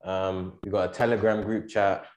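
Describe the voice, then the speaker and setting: A man with a fairly low voice hosts a casual podcast conversation. He sounds laid-back and uses plenty of everyday slang. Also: level tone, normal speed, darkish tone, dull audio. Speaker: podcast host, former academy footballer. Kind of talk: casual interview chat.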